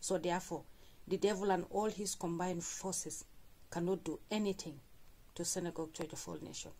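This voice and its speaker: A woman with a lowish voice talks directly to her viewers, pausing the clips to recap and restate each point. Her delivery is plain and conversational, recorded as a close voice-over. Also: fairly even intonation, dark tone. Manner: recaps and repeats what was said, addresses viewers. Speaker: channel host commentator. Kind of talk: reaction commentary.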